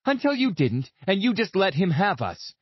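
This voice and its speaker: A woman's voice: mid-range voice, very animated, normal speed, slightly rough, dry recording, lo-fi sound, pitched above the performer's own voice. A man voicing a fierce, angry young woman with a cutting, venomous tone in an audiobook. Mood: bitter.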